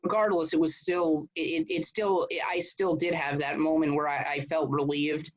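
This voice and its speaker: A man's voice: a little high, level tone, normal speed. A man in his thirties from Connecticut, talking casually as an interview guest, often restarting and repeating words. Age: 30s. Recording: dull, muffled sound.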